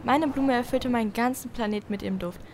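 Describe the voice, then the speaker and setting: A woman's voice: on the high side, fairly quick, a little hiss or hum, natural voice. A woman voicing the Little Prince, an earnest, curious boy, in a radio play. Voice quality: earnest, wondering. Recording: loud music underneath.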